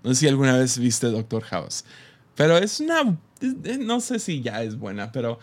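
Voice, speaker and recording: A man's voice: medium pitch, big pitch swings, moderate pace. A Mexican man speaking to his church in a casual, reflective talk. He laughs often and fills his speech with hesitations and restarts. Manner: chatty, laughs often, many fillers and restarts.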